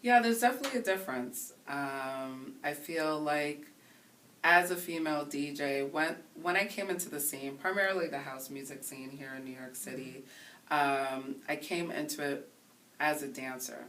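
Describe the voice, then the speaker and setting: This interview guest is a Haitian-born DJ in her 30s, raised in the Bronx, with an unusually deep yet slightly bright voice. She speaks earnestly and thoughtfully in a casual interview, pausing to find her words, a bit off-mic with faint hiss.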